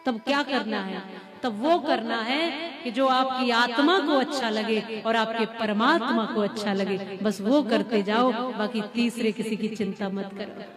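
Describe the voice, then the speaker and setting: A woman's voice: fairly high pitch, unhurried. A woman giving a devotional sermon, telling a story and speaking straight to her listeners. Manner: animated storytelling, addresses listeners directly. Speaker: religious storyteller. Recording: music playing behind.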